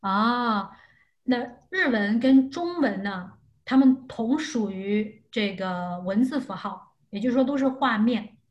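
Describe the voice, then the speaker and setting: A woman's voice: fairly high pitch, expressive, slow, lo-fi sound. A woman teaching an unscripted online language lesson, explaining step by step and often repeating and rephrasing herself.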